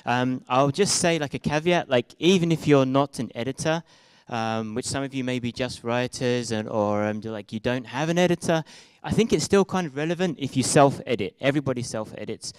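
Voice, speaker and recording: In a meetup room with projected slides, a young British-accented conference speaker from Britain and Israel talks casually into a handheld microphone, hesitant and restarting often amid many fillers. His clear, resonant mid-range voice moves a little fast with few pauses, and no room sound is heard.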